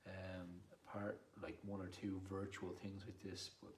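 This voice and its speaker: A Dublin poet and performer talks to camera in an unhurried, low-pitched, level voice with a Dublin accent. His casual, rambling introduction leans self-deprecating. The recording carries a roomy echo and clear background noise.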